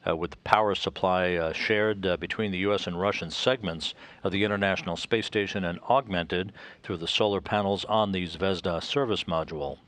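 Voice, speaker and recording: An American man giving live technical commentary from mission control, in a measured, halting delivery full of uhs. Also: low-pitched, fairly bright tone.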